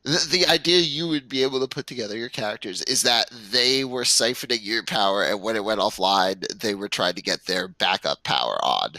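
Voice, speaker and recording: A man's voice: on the low side, lively intonation, a little fast, few pauses, pushed and bright, dry recording, low-quality recording. A man narrating a tabletop game as game master, rambling with many fillers.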